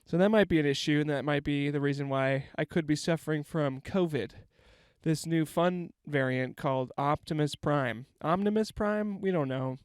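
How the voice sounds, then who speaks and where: Congested young male podcast host, a little high and smooth, rambling and self-deprecating. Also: normal speed, no echo. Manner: rambling, self-mocking jokes. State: stuffy, congested from a cold. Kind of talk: casual comedic monologue. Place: inside a parked van. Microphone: handheld microphone.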